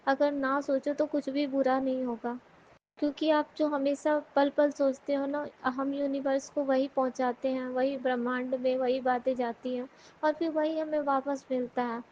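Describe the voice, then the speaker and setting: Woman devotee sharing a satsang, high and fairly even voice, earnest address, dull lo-fi take. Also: normal speed. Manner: earnest, repeatedly addresses the listeners. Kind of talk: devotional testimony. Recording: dull lo-fi recording with faint noise.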